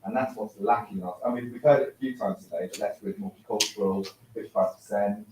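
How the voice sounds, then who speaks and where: A man speaks at an event in a casual, jokey, chatty way. His voice sits somewhat low. The recording is distant, with heavy room echo and clear background noise. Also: steady tone, fast, darkish tone. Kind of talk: casual conference talk. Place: university studio hall. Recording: echoey hall from far off, noisy.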